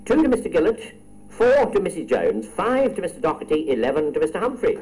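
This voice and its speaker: A man's voice: fairly high pitch, sing-song, a little fast, darkish tone, low-quality recording. A man hosting a radio quiz, reading questions and teasing contestants in chatty asides. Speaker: quiz show host.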